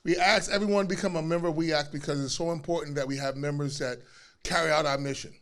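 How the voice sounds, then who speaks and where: Very high-pitched man addressing a meeting. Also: steady tone, quick pace, fairly bright tone. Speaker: community organization speaker.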